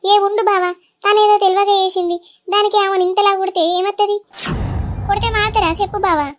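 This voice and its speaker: A woman voicing a gentle young village wife in a cartoon, pleading for calm with a Telangana Telugu accent. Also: very high voice, a little fast. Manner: soothing, pleading.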